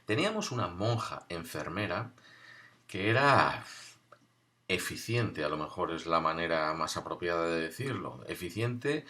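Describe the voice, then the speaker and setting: Low-voiced man telling wry stories. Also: expressive, pushed and bright. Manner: wry, unhurried storytelling with dry humor. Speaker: storyteller recalling his boarding school. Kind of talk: casual spoken recollection.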